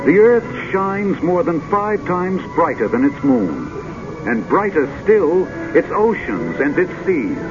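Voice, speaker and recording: A man narrating in a grand, dramatic, measured old sci-fi announcer manner, like a vintage futurist documentary, with drawn-out poetic phrasing. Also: high voice, very animated. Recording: dull vintage film soundtrack with music.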